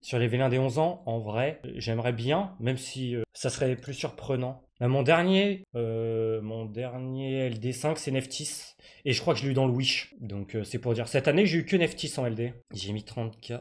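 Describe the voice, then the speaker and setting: A man's voice: medium pitch, normal speed. A man from France streaming a game live, chatting with his viewers in slangy, joking banter. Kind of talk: live-stream gaming commentary.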